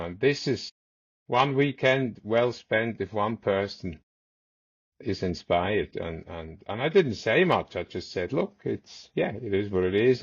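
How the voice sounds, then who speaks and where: A man in his forties, a native Swiss German speaker raised in South Africa, tells stories as a podcast guest, rambling casually with many restarts. His voice is on the low side and husky, with no room sound and dull audio.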